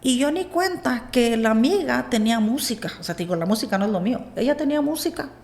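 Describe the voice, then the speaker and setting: A woman with a Mexican accent, a podcast guest, telling a personal story in a lively way and acting out what others said. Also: fairly high pitch, fast, gravelly. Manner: animated retelling, acts out quoted dialogue.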